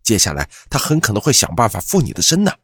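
A man's voice: on the low side, huge pitch swings, fast talker, fairly bright tone, breathy edge, no room sound, studio quality, full character voice. A man voicing a young male college roommate who earnestly warns about ghosts in a grave, knowing way. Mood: ominous.

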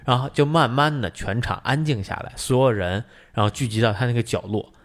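A man with a mid-range, brisk voice co-hosts a podcast. In casual chat he explains things at length, using lots of fillers.

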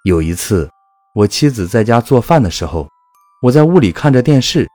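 A man narrating a first-person ghost story in a measured, calm storytelling manner. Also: mid-range voice, no echo, faint music behind.

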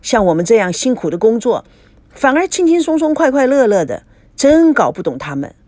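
A nosy pair of bar workers chattering away, put on by a woman reading a storybook. The voice jumps up high and bounces all over, and the recording is dry and close. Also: sing-song, fairly quick, warm tone, no room sound. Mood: gossiping. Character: two gossiping bar workers, cheerful and nosy.

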